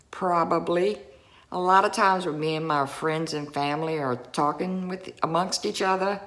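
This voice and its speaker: A middle-aged woman with a South Louisiana accent talks in a relaxed, unhurried drawl. Her voice sits low for a woman, and she stretches her words out in a chatty, folksy way for her vlog. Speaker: YouTuber. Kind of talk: casual accent tag vlog.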